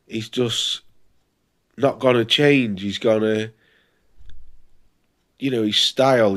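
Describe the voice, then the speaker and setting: A man with a congested, pinched-nose sound, hosting a casual boxing preview vlog in an informal, hesitant way, as if thinking aloud. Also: medium pitch. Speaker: boxing channel host.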